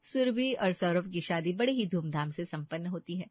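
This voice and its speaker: A woman narrating an animated family story, engaging and speaking directly to the listeners. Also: fairly low pitch, normal speed, dry recording. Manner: warm, engaging, addresses listeners. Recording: dry, slightly dull lo-fi audio.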